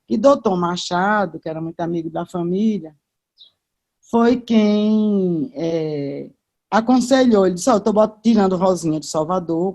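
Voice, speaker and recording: An older woman with a Northeastern Brazilian accent reminisces casually as an interview guest. Her voice is on the low side with a dark tone, and she is chatty, full of asides and tag questions.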